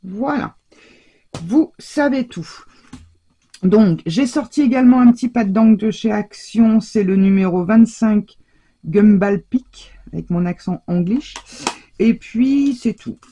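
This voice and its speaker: A woman hosting a casual crafting tutorial, chatting warmly to her viewers with many fillers and self-corrections. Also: medium pitch, a little slow. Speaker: crafting channel host.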